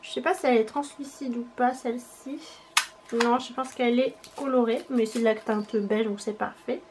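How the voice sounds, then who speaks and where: A woman's voice: a little high, fairly even intonation, moderate pace, background noise. A young woman chatting casually as she unboxes a parcel on her vlog, thinking aloud and hesitating often. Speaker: beauty vlogger.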